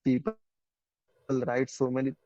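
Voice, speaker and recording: A man's voice: medium pitch, level tone, mellow, no room sound. Man on a choppy, stuttering video call. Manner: halting, repeats words. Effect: choppy, stuttering audio from a lagging internet connection. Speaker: guest speaker. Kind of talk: informal online talk giving advice. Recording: muffled video call audio.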